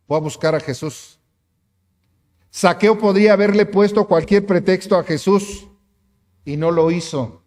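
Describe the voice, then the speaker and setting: A man's voice: high voice, darkish tone, in a large hall. A man preaching a sermon as pastor, emphatic, asking the congregation rhetorical questions. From Mexico. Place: church sanctuary.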